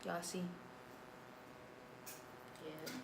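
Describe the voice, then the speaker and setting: With heavy background noise behind her, a young American vlogger draws out her words while chatting casually to camera. She's giving a wig-making tutorial in a slangy, rambling style.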